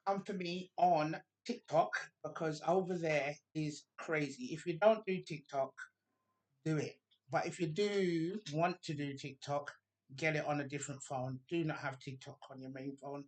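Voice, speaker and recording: A woman's voice: low-pitched, darkish tone. A woman from England hosting a casual podcast chat, talking straight to her followers and often checking in with "you understand?". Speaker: podcast host.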